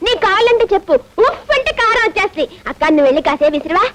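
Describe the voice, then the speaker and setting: A woman's voice: very high-pitched, animated, racing, noisy background. An actress playing a bossy young woman who rules a club and scolds her husband. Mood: playful. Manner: commanding, scolding. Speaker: film actor. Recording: film soundtrack with clear music.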